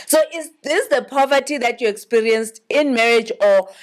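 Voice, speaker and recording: A woman's voice: a little high, normal speed. A woman hosting a casual interview, drawing out her guest with encouraging questions and short affirmations. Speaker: podcast host.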